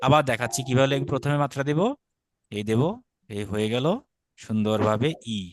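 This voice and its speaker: A man from Bangladesh gives a step-by-step lesson on writing Sanskrit letters, patiently repeating and demonstrating each stroke. His mid-range voice is clear and resonant, brisk in pace, with no room sound.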